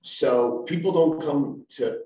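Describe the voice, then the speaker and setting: Council member, 40s man, measured and methodical, desk mic heard from a distance. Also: a little high, warm tone. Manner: measured, argues legal points. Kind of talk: council meeting discussion. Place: council chamber. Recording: roomy echo, mic set back.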